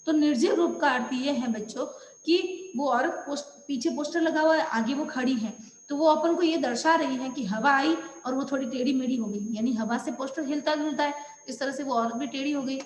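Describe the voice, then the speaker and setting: Brief: woman teacher explaining a lesson to a class, high voice, echoey room with faint noise. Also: fairly quick. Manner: explaining words one by one. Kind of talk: explaining a school lesson to children.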